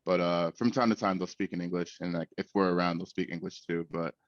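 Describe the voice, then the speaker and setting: A man speaking in a relaxed way in a documentary interview, pausing often with "uh". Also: low voice, dry recording, lo-fi sound. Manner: relaxed, with many "uh" pauses.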